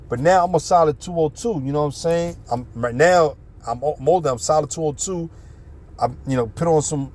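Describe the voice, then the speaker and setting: A man with a New York City accent telling a personal story in a casual, animated way, full of street slang and swearing. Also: on the high side.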